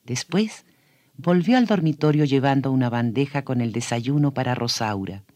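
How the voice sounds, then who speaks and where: A man telling a scripted children's story on the radio in an expressive way, speaking directly to young listeners. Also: mid-range voice, moderate pace, no echo.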